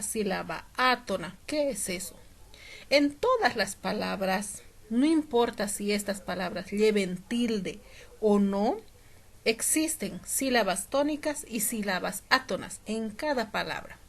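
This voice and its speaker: A patient woman teacher walks through a lesson, stretching out her example words and pausing to check understanding. Her voice sits at an ordinary middle pitch, steady and clear. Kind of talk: classroom lesson explanation.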